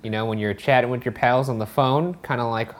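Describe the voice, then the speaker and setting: A man's voice: mid-range voice, fairly even intonation, a little fast. A man co-hosting a podcast in casual chat, with a laid-back, dry, teasing way of talking. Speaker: podcast co-host.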